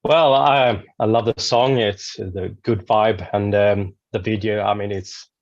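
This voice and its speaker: A man giving a casual, halting review as a podcast panel member. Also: lowish voice, steady tone, dry recording. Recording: dull, dry lo-fi call audio.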